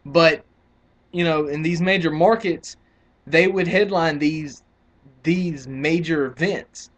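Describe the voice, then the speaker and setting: A man's voice: a little high, slow. A man in his twenties ranting casually to camera as a wrestling vlogger, argumentative and rambling with frequent restarts. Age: 20s.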